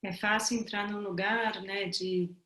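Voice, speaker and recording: Gentle woman teaching in an echoey room. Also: mid-range voice, fairly even intonation. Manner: gentle, reflective, explaining slowly. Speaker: seminar tutor. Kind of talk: teaching a seminar.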